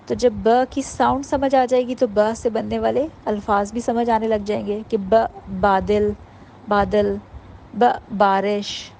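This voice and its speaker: A woman giving an informal workshop talk to mothers, explaining patiently and sounding out letters slowly. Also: a little high, steady tone, creaky, warm tone, a little hiss or hum, rough recording. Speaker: parenting workshop teacher.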